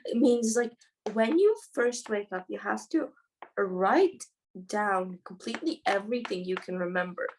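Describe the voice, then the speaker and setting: A woman's voice: medium pitch, animated, a little slow, a little hiss or hum, low-quality recording. A teenage girl co-hosting a podcast, chatting casually and rambling through stories. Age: teens. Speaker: podcast co-host. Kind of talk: casual chat.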